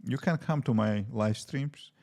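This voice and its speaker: An unhurried, medium-pitched voice with vocal fry and a darker tone belongs to a Latvian man streaming live as an app developer. Seated at his home desk, he talks casually in Latvian-accented English, musing aloud with frequent fillers as he codes.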